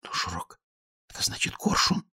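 A man voicing a timid young girl who speaks high, anxious and breathless, with a gravelly edge under it. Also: lively intonation, measured pace, darkish tone, full character voice. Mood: frightened. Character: timid girl, Olia's mirror twin.

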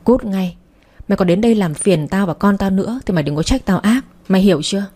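A brutal, scornful husband barks threats and orders, as a woman reads his lines. The voice stays warm and mellow, close to her own. It is a storybook narration. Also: medium pitch, lively intonation, quick pace, close to an everyday voice. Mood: harsh, threatening. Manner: harsh, threatening.

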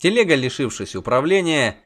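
A man's voice: fairly high pitch, fairly quick. Man narrating a fantasy audiobook. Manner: steady storytelling. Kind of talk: scripted narration.

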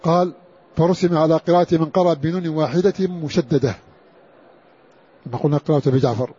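A man's voice: on the high side, steady tone, fast, warm tone, husky. A man teaching a class on Quran orthography in a lecture style. He repeats phrases for emphasis and chants short recitation examples. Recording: dull lo-fi lecture recording.

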